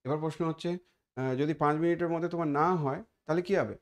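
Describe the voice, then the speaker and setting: A man's voice: on the high side, fairly even intonation, fast. A man giving a conversational exam-prep lecture as a teacher, repeating points and mixing in English terms.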